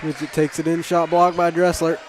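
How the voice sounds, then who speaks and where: A man's voice: on the high side, little pitch movement, fairly quick, music in the background, a crowd in the background. Tired man calling a basketball game. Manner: tired, yawning, chatty asides. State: sleepy. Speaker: play-by-play announcer. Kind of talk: casual sports commentary. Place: school gymnasium.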